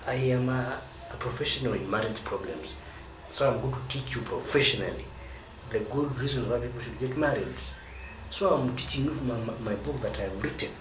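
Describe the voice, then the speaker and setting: A Kenyan man with a medium-pitched voice speaks briskly in a teaching monologue on marriage advice, stressing key words and stretching them out. The recording is noisy, with a roomy, distant echo.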